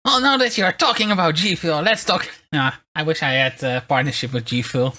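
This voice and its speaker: Bright-voiced streamer, casual and rambling. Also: medium pitch, a little fast. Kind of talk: casual livestream chat, reading articles aloud. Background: background music.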